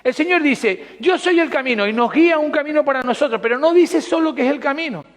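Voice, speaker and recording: A man's voice: very high-pitched, a little fast, big-room sound. A man preaching a sermon, conversational and putting questions to the congregation.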